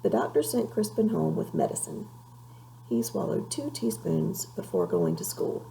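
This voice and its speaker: A woman reading a children's storybook aloud in an expressive, measured way, pausing for dramatic effect. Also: low voice, gravelly, slight background noise, low-quality recording. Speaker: storybook reader.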